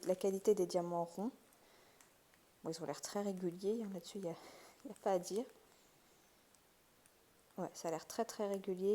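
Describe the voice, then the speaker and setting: A woman's voice: mid-range voice, dark tone, a little hiss or hum. A woman hosting a crafts channel, casually talking through an unboxing and thinking aloud with many fillers and restarts.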